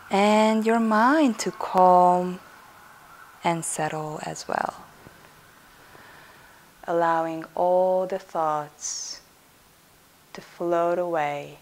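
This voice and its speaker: A woman with a fairly low voice guides a yoga nidra meditation as the instructor. She speaks in a soothing, unhurried way and leaves pauses between her instructions.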